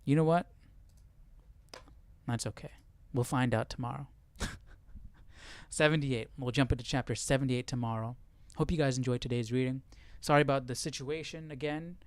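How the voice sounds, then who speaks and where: The host of a Bible study livestream offers casual, conversational commentary on scripture and checks in with rhetorical questions. His mid-range voice is darkish, clear and resonant, with fairly even intonation at normal speed and no echo.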